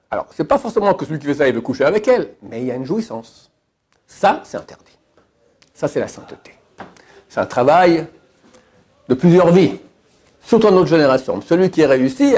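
A man from France, a rabbi teaching a Torah class and answering questions in an emphatic, animated way. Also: slightly rough. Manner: animated, emphatic, jumps between high and low.

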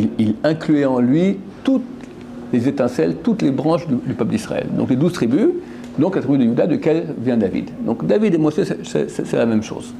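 A man teaching a religious lesson in an animated way, quoting verses, translating them, and asking and answering his own questions. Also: medium pitch, gravelly, a little hiss or hum. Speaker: Torah teacher.

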